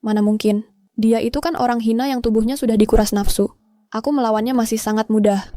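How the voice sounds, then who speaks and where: A woman's voice: fairly high pitch, steady tone, fast talker, warm tone, no echo, lightly acted. A woman dubbing a haughty young woman who mocks her rival with cutting remarks. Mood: smug. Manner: cutting, mocking. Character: haughty new girlfriend, young woman, sharp-tongued. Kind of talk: Indonesian drama dub.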